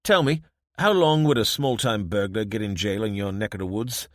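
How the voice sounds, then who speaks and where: Lightly acted and pitched above his own lowish voice, a man talks at normal speed with a slightly bright tone, recorded clean in a studio without echo. The role is a reluctant town police chief, a middle-aged man who is wry, understated and London-accented.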